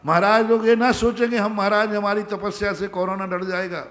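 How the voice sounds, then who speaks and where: A male Jain monk with a high-pitched, level, slightly bright voice delivers a brisk, emphatic sermon answering devotees' questions and repeating his commands to them. The big-room sound comes from a large, nearly empty pandal.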